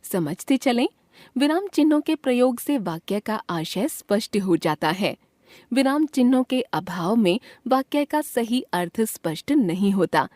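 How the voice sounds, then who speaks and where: A woman reads a textbook grammar lesson in a clear, measured delivery. Her voice sits on the high side and moves animatedly as she voices each example sentence with its own expression. The recording is close and dry, with no room sound. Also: big pitch swings, a little mellow, no echo. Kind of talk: scripted textbook lesson reading.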